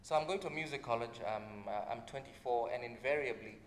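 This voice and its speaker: A Kenyan guest musician tells stories at a quick pace in a medium-pitched voice, casually chatting on a talk show. He's animated and laughing, often restarting and repeating words. The roomy hall gives a long echo over faint noise.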